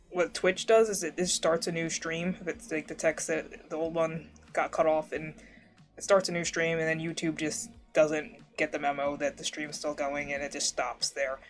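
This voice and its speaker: A livestreamer chatting casually while drawing, rambling with lots of fillers and restarts, the voice slightly warbled by noise suppression on a desk mic. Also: medium pitch. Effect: warbly noise-suppression artifacts.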